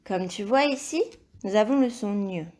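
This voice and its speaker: A woman teaching a recorded phonics lesson to young children, speaking slowly and carefully, repeating each word and praising the answers. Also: mid-range voice, animated, darkish tone. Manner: slow, careful, encouraging, spells out sounds and syllables. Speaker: primary school teacher.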